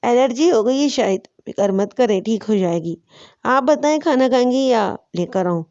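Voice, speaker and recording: A woman's voice: fairly high pitch, animated, muffled recording. A woman reading as a devoted submissive young wife. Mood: deferential. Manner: gentle, deferential.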